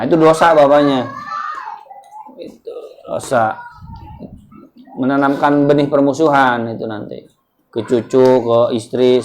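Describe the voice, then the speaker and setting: Guy teaching a religious study group at someone's house, laid back, keeps throwing questions at the room. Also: mid-range voice. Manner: conversational, quizzes the listeners with questions. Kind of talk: casual religious lesson. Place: indoors at a home gathering.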